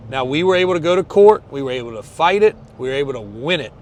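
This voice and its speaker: A man's voice: on the high side, animated, fast. A man talking casually to his viewers from a moving vehicle, emphatic and repeating phrases for stress. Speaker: car dealership owner and video host. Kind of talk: casual ride-along talk to viewers.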